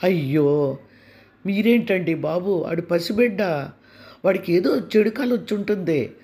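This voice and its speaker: Stepmom who gets shrill and defensive fast, over the top wailing, read by a guy. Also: a little mellow. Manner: shrill, protesting, melodramatic.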